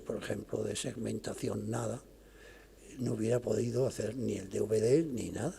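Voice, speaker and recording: Older guy lecturing, gravelly dark voice, hall echo all around. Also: medium pitch. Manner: explanatory, pauses and restarts mid-phrase. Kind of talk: academic lecture. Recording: long reverb of a lecture hall.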